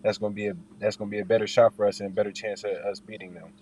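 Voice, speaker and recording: A man's voice: lowish voice, level tone, very fast, darkish tone, a little hiss or hum, rough recording. A young man speaking as an interviewed basketball player, in an informal way, often repeating and rephrasing his points. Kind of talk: casual interview chat.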